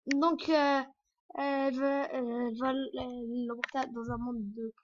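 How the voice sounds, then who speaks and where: High-voiced young woman rambling hesitantly. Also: fairly even intonation, slow, slight background noise. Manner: rambling and hesitant, full of "euh" and "donc". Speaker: vlogger. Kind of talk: casual rambling vlog. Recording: dull lo-fi recording.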